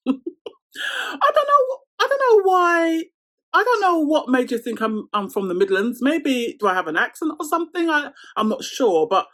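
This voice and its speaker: A woman's voice: high voice, very animated, unhurried, fairly bright tone. A woman in her thirties from London with a London accent, chatting casually to camera in a Q&A vlog and laughing often. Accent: London English. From London, England. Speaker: vlogger.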